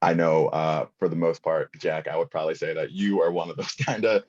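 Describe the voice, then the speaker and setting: Young male workshop presenter, very low voice, loose chatty delivery, muffled lo-fi recording. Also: fairly even intonation, a little fast, a little mellow. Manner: casual, filler-heavy, engaging the audience.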